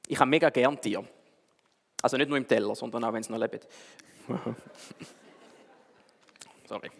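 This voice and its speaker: A man preaching, telling a story in a lively, animated way. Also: medium pitch, normal speed, gravelly, long reverb tail, a little hiss or hum. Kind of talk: sermon with a told story.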